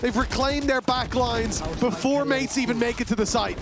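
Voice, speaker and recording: A man working as an esports caster, calling the match live in an excitable, dramatic play-by-play style. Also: very high-pitched, normal speed, heavy background noise.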